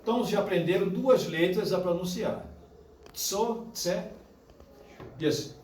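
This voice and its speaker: Brazilian man, lively teacher drilling pronunciation; room echo, distant mic, faint hiss. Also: high voice, normal speed. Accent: Brazilian Portuguese. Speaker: Esperanto teacher. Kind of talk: classroom demonstration lesson. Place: club meeting room with audience. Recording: echoey room from far off.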